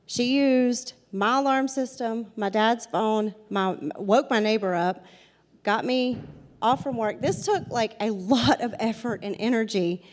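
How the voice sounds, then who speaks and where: A woman's voice: on the high side, a little slow. A woman in her forties with a Southern US accent, a paranormal investigator giving a storytelling talk who speaks straight to her audience and repeats her points for emphasis. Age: 40s. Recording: long hall reverb.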